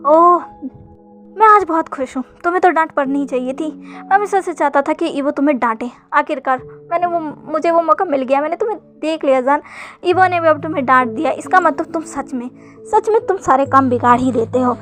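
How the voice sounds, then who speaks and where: A gloating young man who teases his friend and delights in the scolding, put on by a woman narrator. The voice sits high over faint background music in this storybook retelling. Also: brisk, fairly bright tone. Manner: teasing, gloating.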